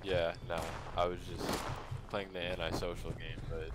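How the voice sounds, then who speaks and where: A man chatting casually as a fellow player on voice chat, laid-back and unhurried. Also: low-pitched, level tone.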